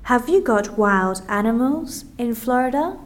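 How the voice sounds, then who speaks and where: An Australian woman presenting a scripted language-lesson dialogue, speaking carefully and clearly for learners. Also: on the high side, animated. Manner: slow, carefully articulated, as if for learners.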